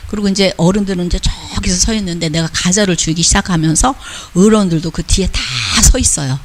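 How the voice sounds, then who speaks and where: An older man, a missionary, giving a casual, lively report and mimicking the people he talks about. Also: high-pitched, brisk. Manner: lively storytelling, mimics others' talk. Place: church lecture hall.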